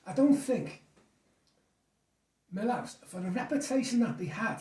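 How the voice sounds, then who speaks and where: Older Merseyside male guest, high voice, casual anecdotal chat, recorded off-mic in a reverberant room. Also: lively intonation, unhurried, warm tone. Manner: chatty, anecdotal. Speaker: guest, former football referee. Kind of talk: casual reminiscing interview. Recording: echoey room, distant mic.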